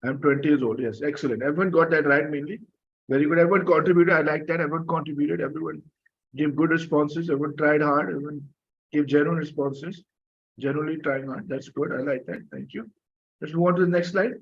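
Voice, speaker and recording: A man's voice: on the high side, fairly even intonation, quick pace, gravelly, breathy edge, lo-fi sound. A man teaching an online French class, patiently coaxing students for answers, with many fillers and coughs. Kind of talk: live online class lecture.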